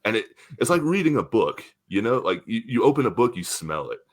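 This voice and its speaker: A man in his thirties hosts a relaxed podcast chat, easygoing and full of fillers, swearing now and then. His voice sits low and deep. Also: fairly quick. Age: 30s. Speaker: podcast host, musician.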